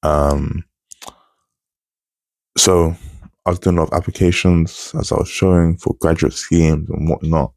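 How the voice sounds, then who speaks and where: Deep-voiced young man with a retainer lisp. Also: fairly even intonation, unhurried, creaky, pauses often, darkish tone, no echo. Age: 20s. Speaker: vlogger. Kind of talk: casual update to camera.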